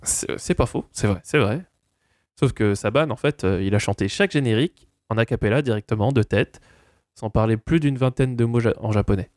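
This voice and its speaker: A man's voice: medium pitch, brisk, darkish tone, no echo, studio quality. A man co-hosting a casual chat, telling a story in a chatty way with frequent hesitations and asides to the listeners. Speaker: podcast co-host.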